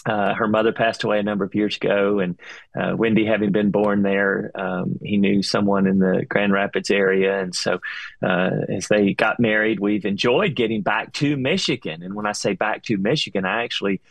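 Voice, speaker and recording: A pastor with a Southern US drawl talks through memories in a relaxed, rambling way, leaning on fillers. His voice sits fairly low and sounds dry and close. He speaks as a guest on a podcast. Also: normal speed, creaky, no room sound, poor audio. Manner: warm storytelling with frequent fillers. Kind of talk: conversational interview.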